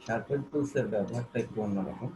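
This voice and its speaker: A man gives a screen-recorded software tutorial at a quick clip, repeating and restarting as he points things out. His voice sits at a middling pitch. A clear hiss of noise runs under the recording from a desk mic. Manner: repetitive, coaxing, many fillers and restarts. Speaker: graphic design instructor.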